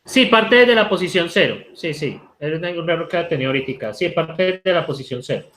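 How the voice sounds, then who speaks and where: A Colombian university lecturer gives a live online coding class in Colombian-accented Spanish, his voice on the high side with lively intonation, fairly quick and fairly bright. He talks while typing code, constantly checking in with a rhetorical "¿cierto?"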